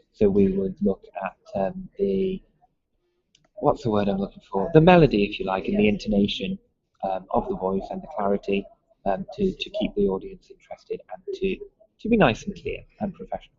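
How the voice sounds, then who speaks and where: The speaker, a music school owner from Liverpool with a mild accent, fumbles through interview questions with plenty of ums and restarts. His voice sits high, husky with vocal fry. There's no room sound, and the recording quality is dull and lo-fi.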